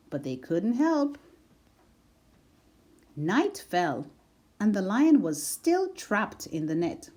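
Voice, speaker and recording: Telling the story of a children's picture book, a woman reads at a slow, expressive pace. Her pitch rises and falls dramatically.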